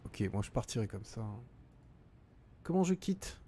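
A man's voice: medium pitch, very animated, moderate pace, warm tone, slight background noise. A middle-aged man streaming a game live, reading out chat and thinking aloud with frequent hesitations.

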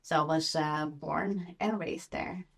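A woman from Argentina in her thirties, a guest talking about her life in a relaxed, measured way in a sitting room. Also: low-pitched, creaky, husky. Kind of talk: casual roundtable chat.

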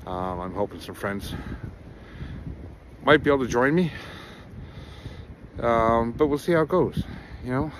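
A middle-aged man talks into a phone held at arm's length on a snowy wooded trail, his voice sitting at an ordinary middle pitch. He rambles earnestly, filling pauses with plenty of ums and uhs. Faint outdoor ambience hangs behind him. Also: a little hiss or hum. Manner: rambling, many fillers, earnest. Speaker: vlogger. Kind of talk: casual outdoor vlog.

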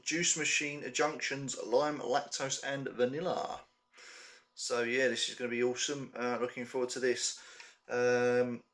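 A man's voice: medium pitch, fairly bright tone. A young man chatting casually to camera in a small room as he reviews a beer, hesitant with frequent ums.

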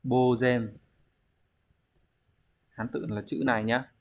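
A man's voice: medium pitch, little pitch movement, slow pace, highs cut off. A man, teaching a language exam review lesson, explaining step by step and answering his own questions.

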